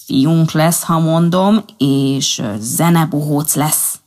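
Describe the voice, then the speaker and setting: A woman's voice: low voice, a little mellow, lightly acted. A woman voicing a male rabbit husband who teases his wife in a storybook. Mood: teasing.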